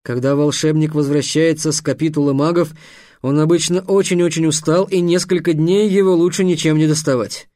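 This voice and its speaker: A man reading a fantasy story aloud in an even, measured way. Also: on the high side, dry recording, studio quality. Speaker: audiobook narrator. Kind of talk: scripted narration.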